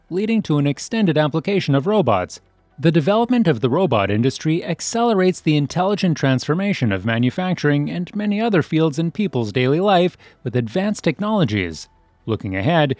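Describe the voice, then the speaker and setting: A man reading a scripted news voice-over in a formal, even delivery. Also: on the high side, no room sound. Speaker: news narrator.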